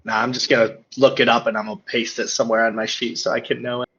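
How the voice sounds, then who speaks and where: A man with a husky voice plays a tabletop game, talking through his moves and the rules. The sound is dull, lo-fi online call audio. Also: mid-range voice, little pitch movement, fast talker, a bit bright. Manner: explains rules and plans, thinks aloud. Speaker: player. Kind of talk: casual tabletop play.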